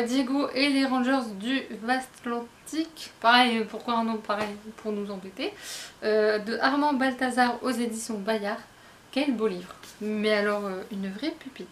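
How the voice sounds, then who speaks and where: A woman's voice: fairly high pitch, a little hiss or hum. A tired woman, chatting casually at home as a book vlogger, rambling and poking fun at her own slips. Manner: rambling, self-mocking, stumbles over words. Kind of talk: casual book haul vlog. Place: at home, indoors.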